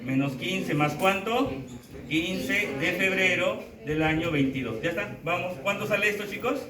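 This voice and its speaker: A man teaching a class, animated, counting aloud and quizzing his students as he works at the board. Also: high voice, measured pace, roomy sound, recorded from a distance, a crowd in the background, low-quality recording. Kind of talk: classroom lecture.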